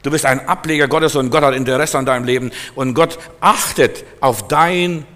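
A male preacher giving a sermon in an emphatic, repetitive way, swinging between loud and soft, recorded in a church hall. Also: mid-range voice, moderate pace. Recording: long hall reverb.

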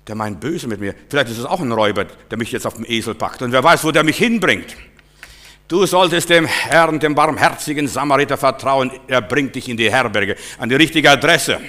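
A preacher delivers an impassioned sermon, his voice bright and forceful. He rises into loud, emphatic bursts and then drops to near-hushed lines, pressing his points on the listener directly. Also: medium pitch.

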